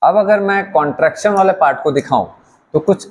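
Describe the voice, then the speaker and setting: A man's voice: fairly high pitch, brisk. A middle-aged man teaching a biology class, acting out a demonstration with students and often asking whether they follow. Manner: animated, asks students questions and calls them "beta". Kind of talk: classroom lecture with live demonstration.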